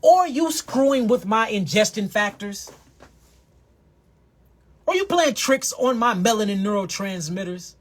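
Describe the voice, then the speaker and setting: Husky man preaching health, emphatic. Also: animated. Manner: emphatic, repetitive, drawls key phrases slowly, asides in a low mutter. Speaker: herbal health speaker.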